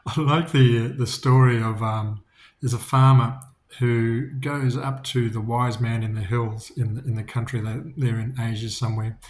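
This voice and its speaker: Man, casual faith talk, informal, restarts often, mid-pitched voice. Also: steady tone, a little slow, a little mellow, reverberant, a little hiss or hum. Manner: informal, many restarts, storytelling.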